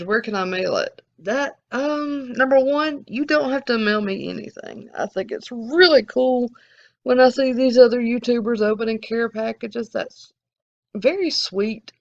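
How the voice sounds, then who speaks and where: Fielding viewer questions in a relaxed Q&A, this card collector from the American South speaks with a gravelly Alabama accent and a mid-range voice. He's been collecting since the eighties and tends to ramble, speaking frankly and restarting frequently, all in a muffled recording.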